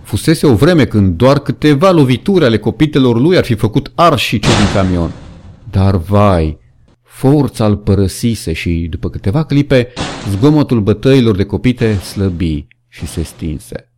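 A man's voice: fairly low pitch, expressive, background noise. A man reading a novel aloud as an audiobook narrator, with dramatic storytelling. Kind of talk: scripted narration.

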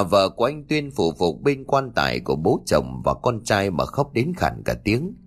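Low-voiced male ghost story narrator. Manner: dramatic, expressive reading.

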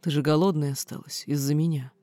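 A stern young archmage, blunt and earnest, speaks in a plain, matter-of-fact way, as a woman reads him. The voice is mellow and warm. The recording is dry and close. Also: deep voice, steady tone, fast, no room sound, close to an everyday voice. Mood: gruff.

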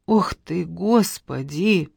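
A narrator voicing a tender, pious old nanny who soothes slowly with folksy endearments. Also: medium pitch, lively intonation, gravelly, darkish tone, breathy edge, no room sound, clean studio sound, heavily acted. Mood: grieving. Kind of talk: audiobook character reading.

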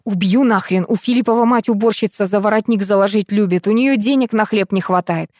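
A woman voicing a loud, scolding middle-aged mother who runs a shop, shrill and indignant. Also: a little fast, dry recording, studio quality, natural voice. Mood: furious.

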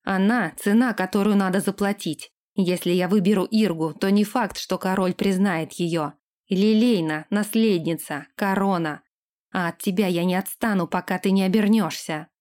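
A woman's voice: mid-range voice, normal speed, darkish tone, natural voice. A woman reading an audiobook, voicing a scheming, harsh young lord who gives orders. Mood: cold. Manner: harsh, commanding.

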